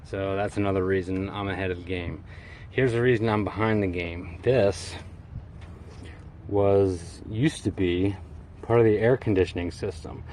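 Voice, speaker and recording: A vlogger shows off his vehicle build in a casual, unscripted walkaround, talking in a folksy, colloquial way with hobbyist slang. His voice is deep and darkish at a moderate pace, with slight background noise.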